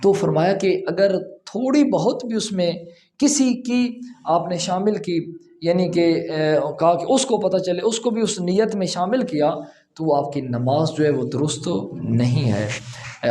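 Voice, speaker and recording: A man giving an instructional talk on how to pray, addressing viewers as believers and slowly demonstrating the recitations. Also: fairly high pitch, warm tone. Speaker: religious teacher.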